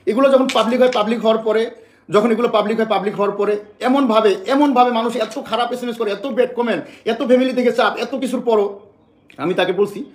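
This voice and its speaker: A man's voice: very high-pitched, fast, reverberant. A man from Bangladesh making an emotional public statement to the press, agitated and repeating phrases over and over.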